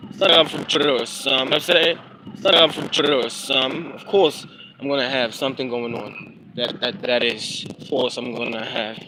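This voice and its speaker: Background noise surrounds this medium-pitched man, a South African rapper and vlogger live streaming by phone from a neighborhood street. He chats and rambles casually, using slang and saying sorry for glitches.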